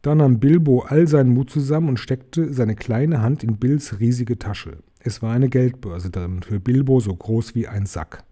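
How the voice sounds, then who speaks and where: A man reading a storybook aloud in calm, measured narration. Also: medium pitch. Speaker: audiobook reader.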